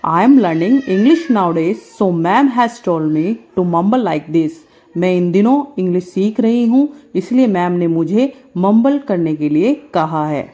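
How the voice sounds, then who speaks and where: A woman with an Indian accent teaching spoken English, explaining in Hindi and saying each model sentence slowly and deliberately. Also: lowish voice, animated, warm tone. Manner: slow, drawn-out model sentences between quicker Hindi explanations.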